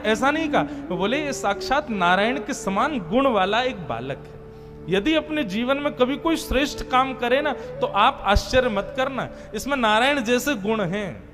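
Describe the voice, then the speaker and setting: A man delivering a sermon, telling a devotional story and chanting verses. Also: high voice. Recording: long hall reverb with soft music behind.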